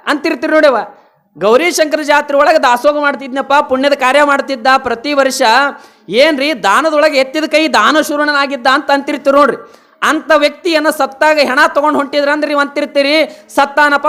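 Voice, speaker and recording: A man's voice: very high-pitched, a bit bright. An older man with a North Karnataka Kannada accent giving a folksy sermon at a festival gathering, often asking his listeners questions. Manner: folksy, asks the audience questions. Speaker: pravachan preacher.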